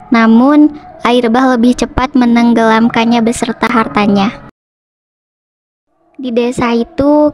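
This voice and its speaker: Perempuan pencerita dongeng bernada datar. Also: female voice, a little high. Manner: steady storytelling. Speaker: narrator. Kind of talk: reading a folk legend aloud.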